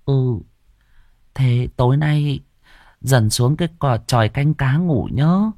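A man voicing a scheming, lustful rich woman who is shrill, coaxing and bossy. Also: slow pace, warm tone, dry recording, studio quality.

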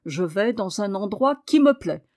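A woman's voice: mid-range voice, animated, unhurried, darkish tone. A woman voicing a sickly, headstrong young boy in an audiobook, petulant and insistent. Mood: stubborn. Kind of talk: audiobook reading.

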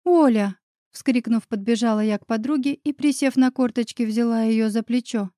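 A woman reads an audiobook in the first person, keeping a steady, even delivery. Her voice is fairly high and mellow. The sound is close and dry, with no room echo. She narrates at a plain, unhurried pace.

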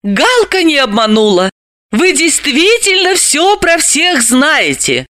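A sharp young woman, as the narrator puts her on; high, bright and emphatic. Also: very animated, a little slow, no echo, studio quality, heavily acted. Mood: bold. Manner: emphatic, indignant. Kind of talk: audiobook character voice.

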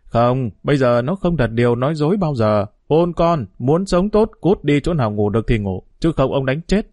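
A man's voice: mid-range voice, animated, moderate pace, a little mellow, dry recording, natural voice. A man voicing a tough, protective young street boy with a hot temper, stern and threatening toward other children.

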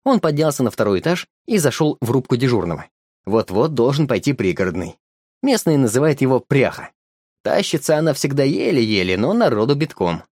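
A man narrating a storybook in a lively, expressive reading. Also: mid-range voice, fairly quick, no echo, studio quality.

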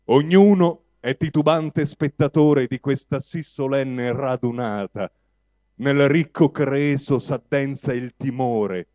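A man at a public cultural evening, introducing and then reciting a poem aloud in a slow, measured declamation. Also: mid-range voice, warm tone, no room sound, dull audio. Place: cultural evening in a cinema venue.

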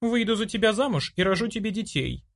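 A man's voice: high-pitched, lively intonation, brisk, vocal fry, pitched above the performer's own voice, exaggerated voice. A man voicing a brash, self-assured young woman in an audiobook, bossy and pushy. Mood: insistent.

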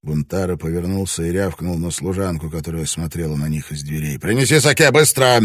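A man narrating a historical novel in steady, measured storytelling. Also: rumbling low, no room sound, clean studio sound. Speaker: audiobook narrator. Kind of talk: scripted narration.

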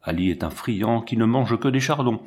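Man reading as an excitable grieving guide. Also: mid-range voice, normal speed, slightly rough. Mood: exclaiming. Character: excitable grieving man guiding soldiers on a lion hunt.

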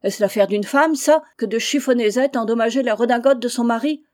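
A woman voicing a quarrelsome old peasant husband who shouts in rustic speech. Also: a little high, fairly quick, pitched above the performer's own voice, close to an everyday voice. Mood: angry shouting.

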